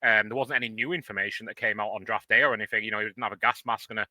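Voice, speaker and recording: Bright-voiced podcast host. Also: male voice, lowish voice, racing, dry recording, rough recording. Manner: relaxed, analytical, many fillers. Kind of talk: casual sports podcast chat.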